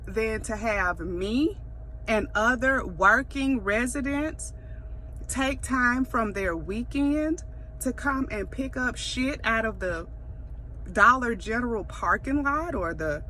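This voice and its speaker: A woman's voice: fairly high pitch, animated, takes it slowly, sharp tone, a little hiss or hum, rough recording. A middle-aged woman on a frustrated, swearing tirade, venting casually and emphatically with free cussing. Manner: exasperated, cussing freely, emphatic. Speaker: resident venting to followers.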